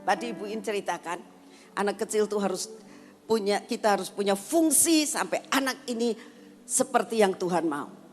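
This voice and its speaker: An older woman giving an animated church testimony, telling a story and acting out the dialogue of its people. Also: medium pitch, normal speed, soft background music. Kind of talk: sermon testimony.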